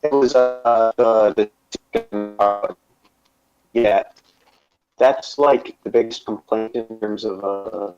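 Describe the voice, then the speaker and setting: Halting man on lo-fi podcast audio. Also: lowish voice, fairly even intonation, darkish tone, soft background music. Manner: halting, many fillers and restarts. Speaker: podcast co-host. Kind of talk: casual gaming chat.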